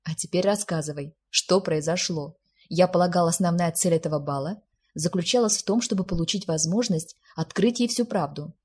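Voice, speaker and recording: A woman reading as a teasing, sharp-witted young man. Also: on the low side, normal speed, breathy edge. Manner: teasing, exasperated. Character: amused, mocking young man, sharp friend.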